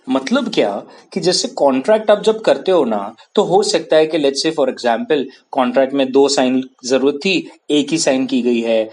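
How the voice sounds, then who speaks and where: A man's voice: mid-range voice, moderate pace, hardly any pauses, a little mellow. A man from India giving a lecture on contract law, switching between Hindi and English and often checking that his students follow. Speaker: law teacher. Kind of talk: classroom-style lecture.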